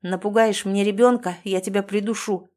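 A woman's voice: medium pitch, steady tone, moderate pace, warm tone, close to an everyday voice. A woman voicing an angry, domineering husband who barks commands and threats. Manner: harsh, commanding, through gritted teeth.

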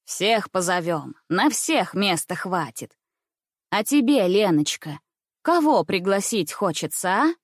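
A woman voicing a kind middle-aged uncle who speaks slowly and softly to the children, in a storybook reading. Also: mid-range voice, very animated, no echo, clean studio sound. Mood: gentle.

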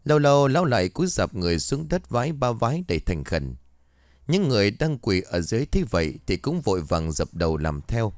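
A man narrating a horror story in a measured, dramatic scripted way. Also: lowish voice, very animated, no room sound, studio quality.

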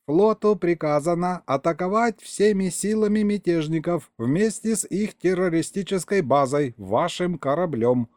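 A man's voice: high-pitched, normal speed, few pauses, a little mellow, no room sound, clean studio sound, voice pushed up, natural voice. A man voicing a growling furry alien male commander-in-chief who talks gloomily in a storybook reading. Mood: gloomy. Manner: gloomy, grumbling.

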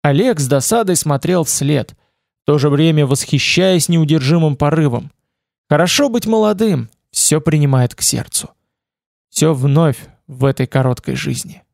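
Guy reading an audiobook, gravelly and kinda high, dry close sound. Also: moderate pace, a little mellow, no echo. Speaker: audiobook narrator. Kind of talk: scripted narration.

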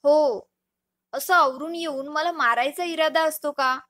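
A woman's voice: high voice, unhurried, pushed and bright, pitched above the performer's own voice. Woman reading as a playful young husband. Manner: teasing, fond. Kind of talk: storybook reading.

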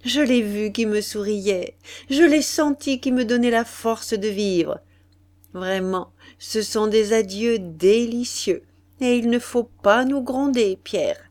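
Joyful, devout young woman, gentle and glowing , read by a woman narrator. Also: on the high side, takes it slowly. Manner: rapturous, gentle.

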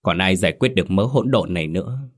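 A man's voice: deep voice, lively intonation, quick pace. A man voicing a hot-tempered younger brother who speaks bluntly. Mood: frustrated. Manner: angry, blunt.

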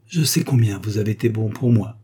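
Guy reading as a sweet grateful young girl, soft and earnest, dark husky tone underneath. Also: fairly low pitch, a little fast. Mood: tender.

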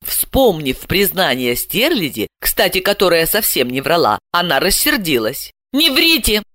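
A woman narrating an audiobook in an expressive, storytelling manner. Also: deep voice, unhurried. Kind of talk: scripted narration.

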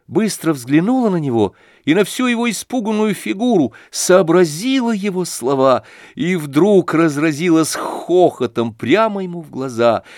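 A man narrating a classic novel in a measured, expressive literary reading. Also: on the high side, no echo, clean studio sound. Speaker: audiobook narrator.

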